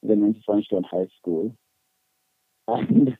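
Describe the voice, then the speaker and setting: Speaking unhurriedly in a fairly low voice, a man with a Jamaican accent shares personal stories as an interview guest. He is candid, emphatic and colloquial, and the sound is phone-quality with no room sound.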